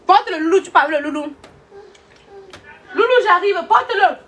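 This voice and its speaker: A woman hosting a casual live stream on her phone, animated and often calling out loudly while laughing. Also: very high voice, normal speed. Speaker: livestream host.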